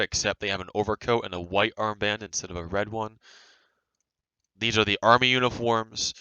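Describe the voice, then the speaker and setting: Very bright, crisp man, casually defensive. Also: on the low side, no echo, rough recording. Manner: defensive, rambling. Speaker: game developer reacting to a review. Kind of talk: casual off-the-cuff commentary.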